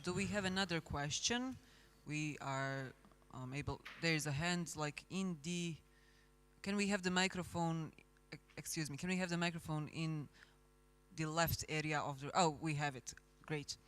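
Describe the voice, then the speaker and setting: A man's voice: fairly high pitch, moderate pace, a bit bright. A man moderating a forum panel, polite and lightly joking as he takes questions from the audience. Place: conference hall.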